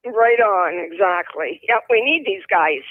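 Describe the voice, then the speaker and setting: A woman's voice: medium pitch, expressive, unhurried, narrow, tinny audio. A woman co-hosting a livestream in casual chat over a remote call with thin audio. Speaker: podcast co-host.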